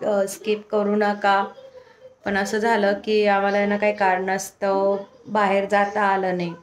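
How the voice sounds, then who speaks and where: A young woman, a mother talking casually to her children and her viewers, coaxing and playfully scolding. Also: mid-range voice. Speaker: vlogger, mother. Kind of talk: casual family vlog chat. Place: home, in and out of doors. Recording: noisy home phone recording.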